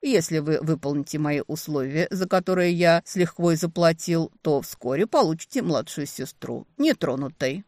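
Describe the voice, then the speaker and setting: A reader voicing a smooth, menacing man who coos his threats softly. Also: medium pitch, moderate pace, few pauses, no room sound, close to an everyday voice. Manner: soft cooing, calm threats. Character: smooth menacing male kidnapper, velvety and cooing.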